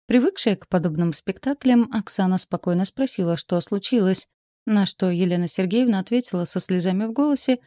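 A woman narrating a story in a steady, even storytelling manner. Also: medium pitch, fairly quick, no room sound, studio quality.

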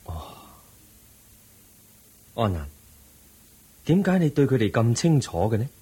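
Serene and wise, the Buddha of this 1980s-style radio drama is a calm male teacher who questions gently and patiently. The actor uses an exaggerated mid-range voice, slightly rough, with big pitch swings and a slow pace, keeping a serene, patient mood.

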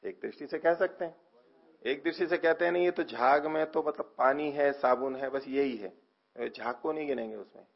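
A man teaching a scripture lecture, explaining slowly, asking questions and answering them himself, often trailing off softly at the ends of phrases. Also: mid-range voice, creaky, slightly rough, muffled recording. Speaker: teacher of philosophy.

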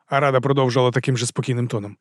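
A male audiobook narrator reads in a brisk, matter-of-fact way and moves quickly through the text. His pitch stays fairly flat, and the recording is dry and close. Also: dry recording. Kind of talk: first-person audiobook narration.

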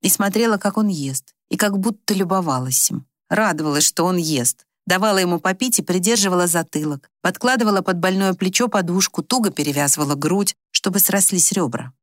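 A woman narrating an audiobook in calm, even storytelling. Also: fairly low pitch, brisk, hardly any pauses, no room sound, studio quality.

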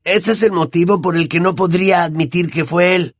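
Guy doing an excited teen boy, loud and eager, impatient, dry close sound. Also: high-pitched, moderate pace, no room sound, voice pushed up. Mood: amazed.

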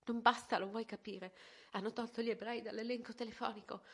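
Donna che interpreta figlia adolescente ribelle, parla di getto, voce né alta né bassa. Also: female voice, fairly quick, close to an everyday voice. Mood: distressed. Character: teenage girl, headstrong and defiant daughter.

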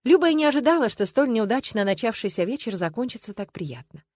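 A woman narrating a novel in an even, measured reading. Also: on the high side, no room sound. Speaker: audiobook narrator. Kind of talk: scripted narration.

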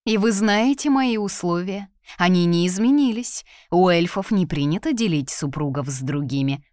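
A woman voicing a proud, charming female elf widow in an audiobook, speaking lighter and higher than her narration. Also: expressive, moderate pace, darkish tone, dry recording, clean studio sound, close to an everyday voice. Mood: composed.

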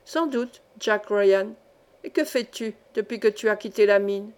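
A woman reading the lines of an older male mining engineer, with calm, courteous questions. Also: mid-range voice, measured pace, smooth, natural voice. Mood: measured.

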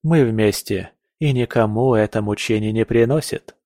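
A man's voice: fairly low pitch, moderate pace, dark tone, no room sound, studio quality, close to an everyday voice. A man reading an audiobook voices a confident young suitor who talks persuasively.

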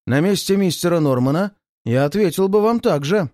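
Audiobook role: a man playing a prim, formal club gentleman, stiffly polite, pitched a little above the reader. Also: expressive, moderate pace, no echo, clean studio sound.

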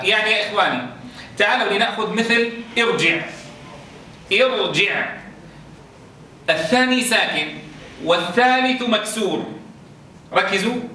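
A man teaching a class on Quran recitation rules. He explains step by step, slowly drawing out sounds to demonstrate and often checking with his students. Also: sits high, sharp tone. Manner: keeps checking understanding with quick questions to students. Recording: echoey room, voice from a distance, faint noise.

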